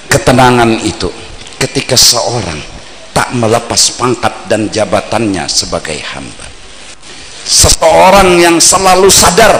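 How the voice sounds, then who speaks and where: On an old, worn tape, a man with a Banjar accent delivers a mosque sermon, swinging between playful shouts and low, earnest asides. He's in a large hall, with noise in the background.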